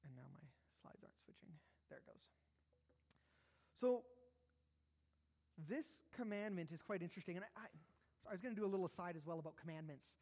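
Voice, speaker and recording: A man's voice: high voice, animated, fairly quick, long pauses, darkish tone. A man preaching a sermon, conversational and self-deprecating, with jokes and asides. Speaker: pastor. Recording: long hall reverb.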